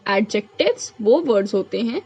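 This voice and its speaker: A woman's voice: medium pitch, lively intonation, dark tone, breathy edge, lo-fi sound. A woman teacher, working through a grammar lesson step by step and answering her own questions. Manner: reads English sentences slowly, explains in quick Hindi.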